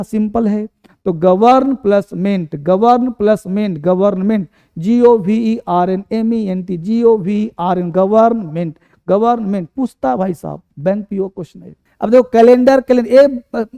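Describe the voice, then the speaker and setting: High-voiced teacher drilling spellings. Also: male voice, warm tone, no echo. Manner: repeats spellings in drilling chants, quizzes students directly. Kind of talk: exam-prep spelling lesson.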